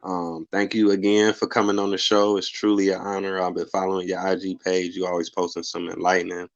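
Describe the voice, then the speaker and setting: A man hosting a podcast interview, laid back and relaxed, with frequent fillers. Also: sits low, fairly quick, highs cut off. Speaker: podcast host. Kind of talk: casual interview.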